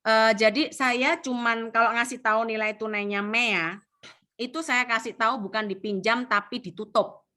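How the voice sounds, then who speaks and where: A woman training insurance sales agents in an animated coaching talk, mixing in English phrases and acting out what clients say. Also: a little high, normal speed. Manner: acts out client voices.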